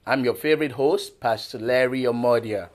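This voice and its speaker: A man's voice: mid-range voice, moderate pace. A man who is a pastor, hosting a TV interview show in a formal, welcoming manner. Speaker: talk show host and pastor.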